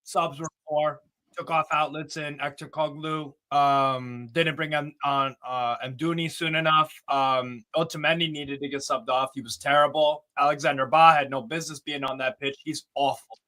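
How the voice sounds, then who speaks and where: A man's voice: fairly high pitch, fairly even intonation, moderate pace, sharp tone. A man on a football podcast panel, angry and swearing as he rants about his team, still shaken up. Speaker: panel guest. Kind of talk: heated fan rant.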